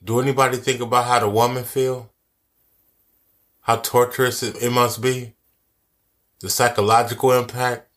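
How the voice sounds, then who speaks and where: A man's voice: mid-range voice, level tone, normal speed, long pauses, fairly bright tone. A man giving angry social commentary, cursing a lot and repeating his key phrases for emphasis. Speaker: commentary vlogger.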